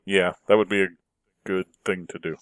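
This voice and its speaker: A man's voice: sits low, little pitch movement, normal speed, clean tone, dry recording. A man hosting a casual podcast chat, earnest and building his arguments with frequent restarts. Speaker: podcast host.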